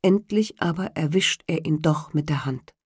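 A woman reading a fairy tale aloud in a measured way. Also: low-pitched, darkish tone, breathy edge, no room sound, clean studio sound. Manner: slow, measured narration. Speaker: storyteller.

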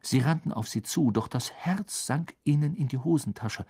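A reader narrating an audiobook in measured storytelling style. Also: mid-range voice, lively intonation, mellow, slightly rough. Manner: measured storytelling with voiced characters.

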